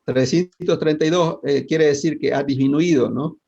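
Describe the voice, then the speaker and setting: A man's voice: fairly high pitch, normal speed, creaky, warm tone, muffled recording. A man teaching a physics class, quizzing his students with frequent tag questions. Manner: asks the class questions constantly, with many tag questions. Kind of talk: online class lecture.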